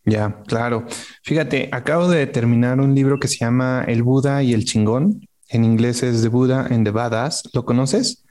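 A man's voice: medium pitch, moderate pace, darkish tone. A man with a Mexican accent hosting a podcast, responding casually and building on his guest's points. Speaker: podcast host.

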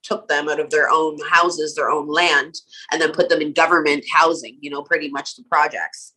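A woman's voice: deep voice, steady tone, moderate pace, bright, forceful tone, slightly rough, poor audio. A woman from Nova Scotia, a guest in an interview, talking casually with lots of "like" and "um" fillers. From Canada (Nova Scotia). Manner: casual, many "like" and "um" fillers, laughs often.

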